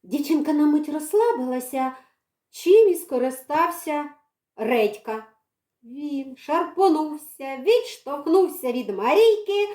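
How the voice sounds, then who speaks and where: A woman reading a children's storybook aloud in a library, in an expressive, dramatic way. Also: high voice. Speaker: reader. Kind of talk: storybook narration. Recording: echoey room.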